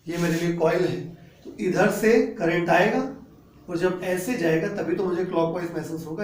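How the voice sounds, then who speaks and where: High-voiced male teacher in an echoey classroom. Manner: explains step by step, keeps checking students follow. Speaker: physics teacher. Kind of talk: classroom lecture. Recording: echoey room, voice a bit distant.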